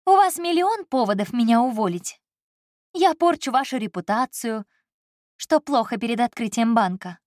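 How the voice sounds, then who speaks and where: A young woman, anxious and sharp-tongued, as a female narrator puts her on, in an audiobook. She talks in a raised, brisk, teasing way, pitched well above the reader's own voice. The sound is dry and close. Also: expressive, dry recording, lightly acted. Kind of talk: audiobook character voice.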